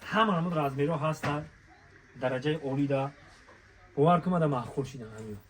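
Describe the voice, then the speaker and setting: Higher-voiced Tajik man hawking like a bazaar merchant. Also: poor audio. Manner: bazaar merchant's hawking, repetitive calls to come, look and buy. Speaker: shop promoter presenting clothing deals. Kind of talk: spontaneous sales patter on a shop walk-through. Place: inside a large clothing shop. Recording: busy crowd noise around the voice.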